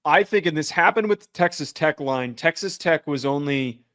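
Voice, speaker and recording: A man's voice: a little high, expressive, moderate pace, a bit bright. Confident man giving sports betting picks. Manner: analytical, confident betting takes. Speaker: podcast co-host. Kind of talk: casual sports picks chat.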